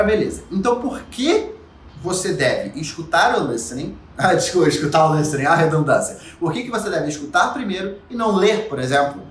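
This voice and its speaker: Brazilian man teaching English online, lively swinging pitch, a bit high, echoey room, mic set back. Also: distant mic. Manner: animated, rhetorical questions, plays the viewer's objections. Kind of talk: YouTube lesson to camera.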